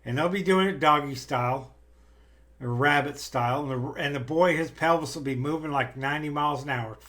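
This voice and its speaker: A man's voice: on the high side, fairly quick, fairly bright tone. A man who breeds rabbits, giving a rambling, plainspoken how-to talk with a folksy manner.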